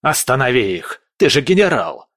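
A man voicing a furious, panicking prince who yells indignant outbursts in a dry recording. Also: fairly low pitch, animated, slow, dry recording, exaggerated voice.

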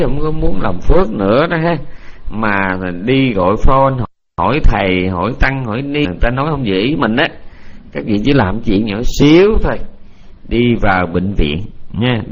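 A male Buddhist teacher gives a dharma talk to an online group in a mid-pitched voice. He rambles with halting repeated words and slows right down when he dictates. The audio is dull and lo-fi. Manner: rambling, repeats words while searching, dictates slowly for notes.

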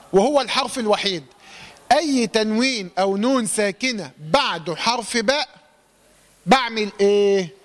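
A man with an Egyptian accent teaching Quran recitation rules, asking questions and answering them himself. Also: sits high. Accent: Egyptian Arabic. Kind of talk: tajweed lesson.

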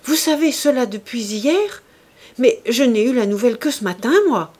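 A woman's voice: a little high, normal speed, a little mellow, voice pushed up, close to an everyday voice. A woman reading a novel aloud, giving voice to a courteous but touchy Italian male diplomat in indignant exclamations. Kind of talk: audiobook reading.

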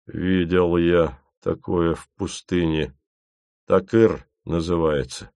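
A man voicing a blunt, quick-tempered young man, in a dry recording. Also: sits low, steady tone, creaky, a little mellow, dry recording, voice pushed down, exaggerated voice. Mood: matter-of-fact. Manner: blunt, brusque.

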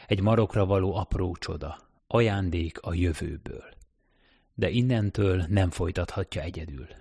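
A man narrating an audiobook, reading in an even, steady manner. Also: low voice, gravelly, husky, no room sound, studio quality. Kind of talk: scripted narration.

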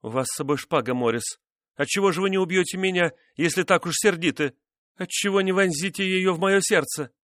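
A man's voice: normal speed, few pauses, no echo, studio quality, natural voice. A man voicing a frightened noblewoman who pleads with her cruel husband in an audiobook. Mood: pleading. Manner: high, pleading, tearful. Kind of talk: audiobook character reading.

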